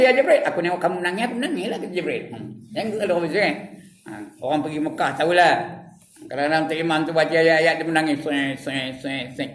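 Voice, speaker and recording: A man with a Malaysian Malay accent giving an evening religious lecture in a prayer hall, animated, mimicking laughter and asking his listeners questions. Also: a little high. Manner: animated, mimics laughter and crying, asks the audience. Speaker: religious teacher. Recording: echoey, distant mic with faint room ambience.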